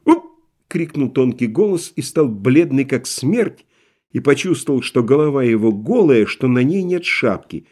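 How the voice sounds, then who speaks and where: A man reading a novel aloud as an audiobook narrator, expressive and vivid. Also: mid-range voice, normal speed. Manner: expressive, acting out crowd voices.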